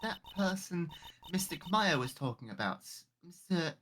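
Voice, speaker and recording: Casting: a woman as an innocent, formal little girl of eight, bright-toned, lowish pitch, game dub. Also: sing-song, moderate pace, a little hiss or hum. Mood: earnest. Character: polite earnest eight-year-old girl. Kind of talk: fan voice-over of a game.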